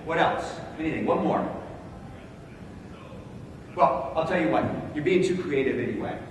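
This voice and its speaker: In an echoey conference hall, a man with a big voice talks loosely, with plenty of fillers, and pulls answers from the crowd. His voice is high-ish and animated at a normal pace, recorded from afar with audible room noise.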